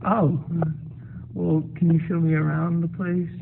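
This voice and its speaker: A man's voice: fairly high pitch, little pitch movement, unhurried, creaky. A man voicing an easily impressed sock puppet newcomer in an amateur puppet show. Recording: tinny, noisy phone-like recording.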